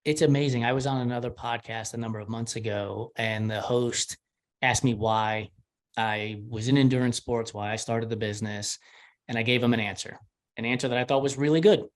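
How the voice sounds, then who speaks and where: A man's voice: mid-range voice, steady tone, brisk. A man speaking as a guest on a podcast, an entrepreneur telling stories about his business in an earnest, conversational way. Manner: earnest, storytelling. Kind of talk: casual interview chat.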